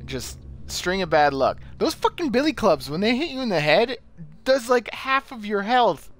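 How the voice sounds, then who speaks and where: A man's voice: high-pitched, sing-song, moderate pace. A man giving casual gameplay commentary from home, swearing often and sounding incredulous.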